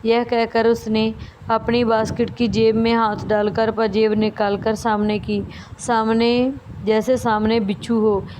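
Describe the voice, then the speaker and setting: A woman teacher reading a story aloud slowly and carefully, with small restarts, then explaining it to her students. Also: a little high, level tone, a little mellow. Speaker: school teacher. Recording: faint background noise.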